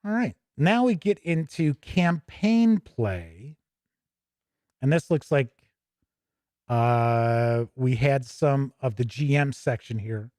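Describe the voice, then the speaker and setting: A man hosts a tabletop gaming news and review show, casually walking through a game book on a livestream, chatting with viewers and thinking aloud. His mid-range, darkish voice moves slowly with lively intonation. The sound is studio quality with no room sound.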